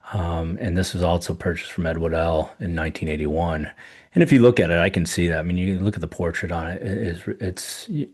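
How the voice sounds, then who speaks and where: A podcast host reviewing coin auctions gives casual solo commentary in a very low, darkish, hoarse voice as he loses it. He speaks haltingly, thinking aloud with many ums and restarts.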